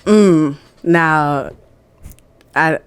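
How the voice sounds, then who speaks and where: Slow, low-voiced frank woman. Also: a little hiss or hum. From born in New Jersey, raised in Atlanta. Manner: frank, laughing, emphatic. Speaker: music management guest. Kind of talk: casual podcast chat.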